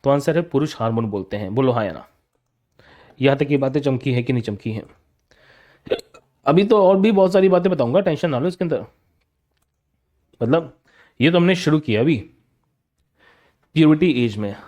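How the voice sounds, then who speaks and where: A man's voice: mid-range voice, lively intonation, normal speed, pauses often, darkish tone. A young adult man giving a science lecture to students, repeating each question and answering it himself, calling the students "beta". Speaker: teacher. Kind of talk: classroom lecture.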